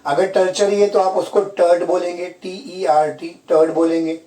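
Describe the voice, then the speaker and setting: A man's voice: high-pitched, fairly even intonation, normal speed, mellow. A man teaching chemistry in Hindi-English mix, often quizzing his students and repeating key terms. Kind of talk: classroom lecture. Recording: echoey room, from far off.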